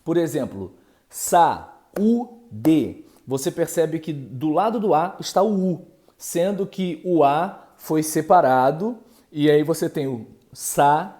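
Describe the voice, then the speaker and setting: A man teaching a grammar lesson, speaking haltingly with many fillers and checks, and sounding out syllables and letters. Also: a little high, expressive, darkish tone. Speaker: Portuguese language teacher.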